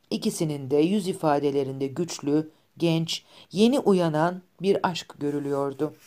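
Mellow, low-voiced woman narrator. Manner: calm, steady, even reading. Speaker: audiobook narrator. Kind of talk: scripted narration.

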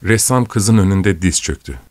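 A man narrating a classic novel in a measured, literary, unhurried manner. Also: low voice, lively intonation, darkish tone. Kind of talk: scripted audiobook narration.

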